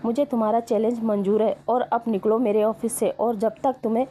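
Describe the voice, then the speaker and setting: A woman's voice: on the high side, steady tone, brisk, dark tone, a little hiss or hum, lightly acted. A woman voicing an arrogant young male company boss who speaks in a curt, commanding way. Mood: dismissive.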